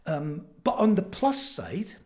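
A man in his seventies with a Fife Scottish accent, telling stories reflectively as an interview guest, halting and thoughtful with frequent pauses. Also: a little high, wildly swooping pitch, a little mellow. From Fife, Scotland. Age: 70s. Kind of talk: reflective conversational storytelling.

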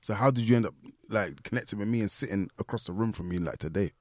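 Fast-talking man with a London roadman accent. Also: fairly low pitch, dry recording, studio quality. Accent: London, urban street. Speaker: podcast host. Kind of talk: casual slangy chat.

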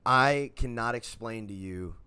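A man co-hosting a casual podcast chat, swearing freely and telling lively stories. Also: mid-range voice, a little slow, clean tone, no echo. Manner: profane, animated storyteller. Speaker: podcast co-host.

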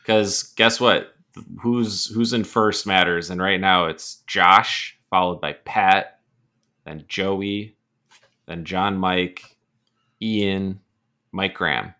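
Man, podcast host, casual chat, very low pitch, unhurried pace. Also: fairly even intonation, bright, forceful tone. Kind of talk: casual fantasy football chat.

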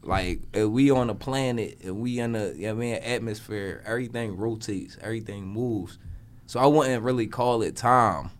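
A man in his thirties in a casual, slangy chat, musing at a relaxed pace as a podcast co-host. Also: fairly low pitch, normal speed. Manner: laid-back, slangy, musing.

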